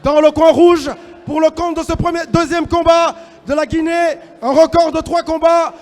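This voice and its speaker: High-pitched shouting male boxing ring announcer. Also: flat delivery, faint music behind. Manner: shouted, drawn-out, declamatory delivery. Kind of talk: boxing ring announcer introductions, loudly drawn-out names.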